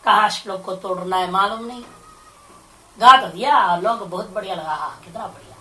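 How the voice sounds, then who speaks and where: A woman's voice: mid-range voice, fairly quick, bright, forceful tone. A woman, a spiritual teacher, giving a scripture commentary lecture, explaining Sanskrit phrases line by line and asking rhetorical questions. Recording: echoey room, far from the mic.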